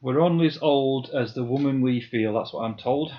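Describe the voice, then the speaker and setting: A man in his fifties talks easily through a live-stream build, half to himself and half to his viewers. His voice sits at an ordinary middle pitch. The sound is a little dull and lo-fi. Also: normal speed. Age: 50s. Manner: chatty, muttering to himself, reading out viewer comments. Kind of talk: casual live-stream chat while building.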